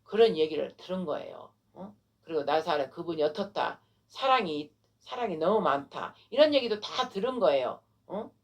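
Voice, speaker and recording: A woman pastor preaching a sermon, retelling a story with animated delivery and frequent rhetorical questions. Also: lowish voice, moderate pace.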